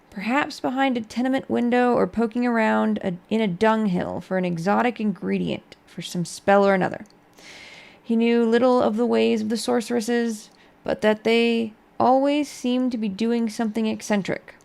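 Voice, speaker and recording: A woman's voice: on the high side, vocal fry, darkish tone. A woman narrating a storybook aloud as a game streamer.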